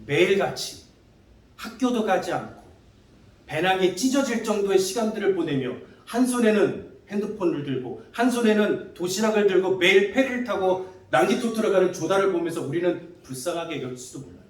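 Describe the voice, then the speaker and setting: Pastor preaching in an echoey church. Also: male voice, high-pitched, lively intonation, fairly quick. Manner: asks the congregation questions, acts out neighbors' taunts. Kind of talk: sermon. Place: church sanctuary. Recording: echoey church hall from far off.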